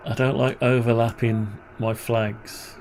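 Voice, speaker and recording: A medium-pitched, slightly mellow voice moves slowly and levelly as a man works through a programming tutorial on screen. He thinks aloud the whole time, muttering to himself with wry grumbles.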